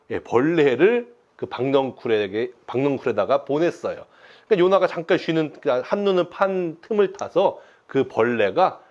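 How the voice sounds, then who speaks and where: A man in his thirties, a pastor giving a lively children's sermon from his home, speaking to the kids with playful storytelling. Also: fairly high pitch, dull audio. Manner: animated storytelling to children, acting out quotes.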